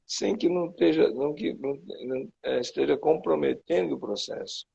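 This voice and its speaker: A man's voice: on the high side, a little fast, vocal fry, mellow, slightly rough, highs cut off. A man, teaching an online class over a video call whose audio keeps breaking up, so he halts and repeats words. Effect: choppy, breaking-up call audio. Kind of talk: online lecture.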